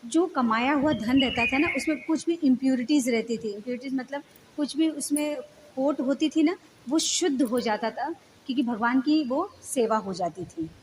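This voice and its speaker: A woman's voice: sits high, moderate pace, noisy background. A woman giving a devotional lecture who tells a story and explains it, often asking her listeners questions. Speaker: spiritual lecturer.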